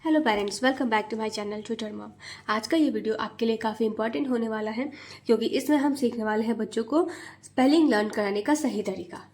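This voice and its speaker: A woman with a slightly high voice hosts a teaching video for parents, speaking as a mother and tutor. She explains each step patiently and spells words out letter by letter in a slow, sing-song rhythm. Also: darkish tone. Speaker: mother and tutor, channel host.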